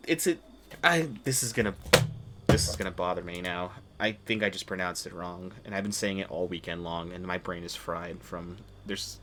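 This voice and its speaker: A man giving casual gameplay commentary, earnest and halting as he rambles through his reactions. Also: lowish voice, sharp tone. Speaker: gamer reacting to game story.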